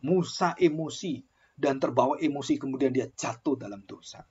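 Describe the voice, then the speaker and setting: Husky-voiced preaching man. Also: mid-range voice, moderate pace, dull audio. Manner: animated storytelling, acts out quoted voices. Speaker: pastor. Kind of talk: sermon.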